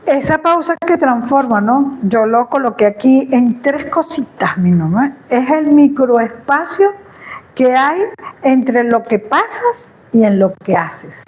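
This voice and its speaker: A chatty woman with a fairly high voice shares her thoughts on inner peace in an animated, conversational way, often checking that the listener follows along. The recording sounds a little dull. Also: slow. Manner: chatty, animated, asks "¿me entiendes?". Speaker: host, therapist.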